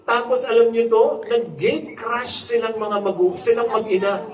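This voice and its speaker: A man's voice: extremely high pitch, normal speed, echoey room, recorded from a distance, a crowd in the background, rough recording. A man in his forties giving a humorous, inspirational stage talk as a motivational speaker and author. He acts out quotes and moves between jokes and earnest appeals. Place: large hall before a live audience.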